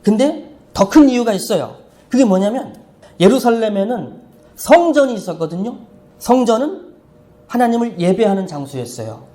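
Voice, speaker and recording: Animated preaching man, high lively voice. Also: normal speed. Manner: animated storytelling preaching, swings between loud emphasis and hushed asides. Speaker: pastor. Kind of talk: sermon.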